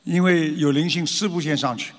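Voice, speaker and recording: A man lecturing an audience on traditional culture, animated and full of rhetorical questions, now and then acting out frightened voices. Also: on the high side, normal speed, big-room sound.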